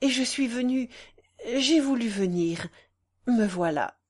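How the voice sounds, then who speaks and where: A woman's voice: fairly high pitch, lively intonation, slow pace, a little mellow. A woman voicing a grieving, impassioned young woman. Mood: tearful. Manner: pleading, tearful.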